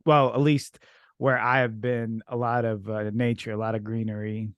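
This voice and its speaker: A man's voice: medium pitch, flat delivery, normal speed, smooth, no room sound, highs cut off. Russian-speaking man hosting a podcast. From Ukraine. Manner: rambling, many fillers and restarts. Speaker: podcast host. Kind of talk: casual interview.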